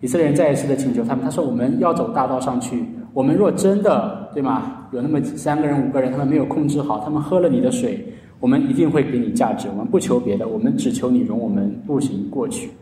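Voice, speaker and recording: A man's voice: mid-range voice, quick pace, hardly any pauses, mellow, a little hiss or hum. A man preaching a sermon in earnest storytelling style, often stretching his sentence endings. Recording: echoey hall, heard from a distance.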